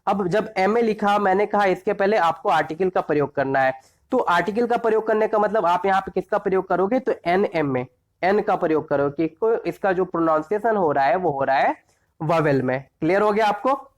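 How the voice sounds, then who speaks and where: Man, teacher, grammar lesson, self-answered questions, frequent check-ins, slow read-out examples. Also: high-pitched. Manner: asks the class quick questions and answers them himself; keeps checking in with the listener. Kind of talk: classroom-style grammar lesson.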